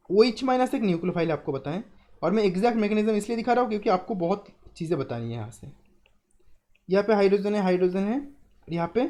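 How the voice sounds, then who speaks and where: A man's voice: high-pitched, a little mellow. A young adult man teaching chemistry in a live online class, explaining step by step, repeating key terms and asking students questions.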